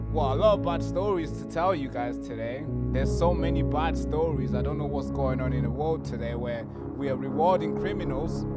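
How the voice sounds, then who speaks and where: A young man from Tanzania hosting his own show, talking casually and straight to his viewers, often repeating phrases. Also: on the high side. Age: young adult. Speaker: show host. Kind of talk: casual livestream commentary. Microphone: wearing headphones.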